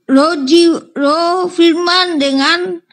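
A woman with a high-pitched voice defends her view in a religious debate. She speaks patiently and keeps explaining through everyday analogies, the way a Sunday school teacher would. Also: fairly even intonation, drawn-out words, fairly bright tone.

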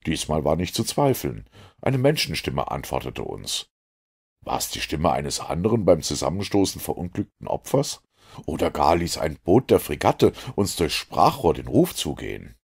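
A man narrating an adventure audiobook in a dramatic, expressive way. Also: a bass voice, normal speed, creaky, slightly rough.

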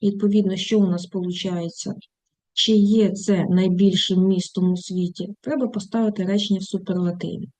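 Female language teacher, mellow voice, methodical lesson walkthrough, dry recording. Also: medium pitch, steady tone, brisk, no room sound, low-quality recording. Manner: explains textbook tasks step by step, mixing English phrases into Ukrainian. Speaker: English teacher.

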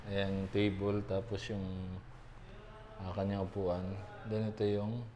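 A man's voice: fairly low pitch, flat delivery, a crowd in the background. Chatty man giving a walking tour. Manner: chatty, with many fillers and pauses. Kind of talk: casual vlog tour narration. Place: small empty building, indoors and street. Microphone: phone camera held at arm's length.

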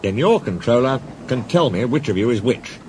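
A man voicing a stern, brisk male railway boss who speaks in a clipped, firm way. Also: mid-range voice, expressive, darkish tone, slight background noise, lightly acted. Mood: grim.

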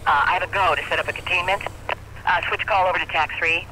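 A police dispatcher over a radio. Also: male voice, sits high, steady tone, fast. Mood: brisk. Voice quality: clipped, procedural radio delivery. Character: male police dispatcher calling a chase. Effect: police radio transmission. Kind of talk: video game police radio chatter. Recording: police radio over loud car game noise.

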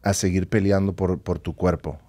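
A man's voice: sits low, fairly even intonation, moderate pace, mellow, dry recording. A man hosting a podcast interview, asking brief, supportive follow-up questions. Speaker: podcast host.

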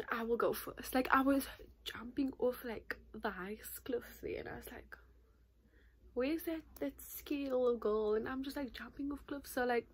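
In a small bedroom with a patterned curtain behind her, a nineteen-year-old woman vlogs to camera held at arm's length. She is a chatty, animated YouTuber who gestures constantly and keeps saying "like," in a slightly rough voice pitched a little high.

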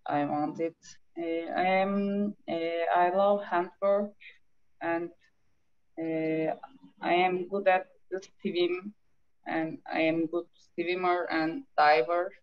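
Thirties woman, Turkish accent, soft and hesitant, slow delivery, muffled video call sound. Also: lowish voice, steady tone. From Turkey. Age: 30s. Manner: hesitant, many "uh" pauses, soft laughs. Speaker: language student. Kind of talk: self-introduction on a video call. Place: small room indoors. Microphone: laptop webcam on a video call. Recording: dull lo-fi video call audio.

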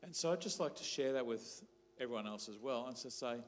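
On a church stage in a large hall, a middle-aged Australian church leader uses a handheld mic to interview a young member. His medium-pitched voice is expressive and a little fast, conversational with "um" and "sort of", and there is slight background noise.

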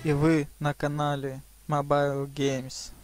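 A man hosting a gaming channel, chatting casually to viewers in slang and exclaiming as he plays, over loud game music. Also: on the high side, completely flat delivery, slow. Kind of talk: casual let's play commentary. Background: game music and sound.

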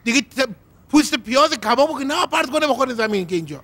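A man's voice: extremely high pitch, animated, pushed and bright, heavily acted. A man voicing a fussy, indignant male puppet neighbor who complains sarcastically in a TV puppet comedy.

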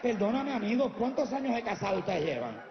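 Man, Puerto Rican accent, stand-up comic, profane and teasing, gravelly edges, echoey hall recording. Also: high-pitched, very animated, fast, lo-fi sound, noisy background. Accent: Puerto Rican Spanish. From Puerto Rico. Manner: brash, profane, teasing the audience. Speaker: stand-up comedian. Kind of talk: stand-up comedy. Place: live stage before an audience.

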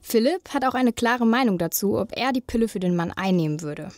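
A young woman co-hosting a student podcast, reading smooth scripted links between the interviews. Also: on the high side, expressive, fairly quick, no room sound, studio quality. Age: young adult. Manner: smooth, read-from-script linking. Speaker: podcast co-host, journalism student.

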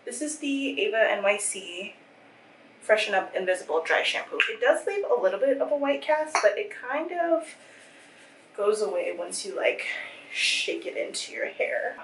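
Here a young Singaporean woman in her twenties, a photographer and vlogger, chats loosely to her camera, rambling and using many fillers. Her voice is mid-range and a bit bright, and the low-quality recording carries a little hiss or hum from a camera-mounted mic, held close or on a tripod, as she goes from a car to a small office to a home room.

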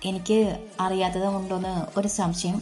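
A woman's voice: medium pitch, level tone, normal speed, dark tone, soft background music, lightly acted. A woman voicing a worried young wife who speaks in a pleading, tearful way. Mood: anxious.

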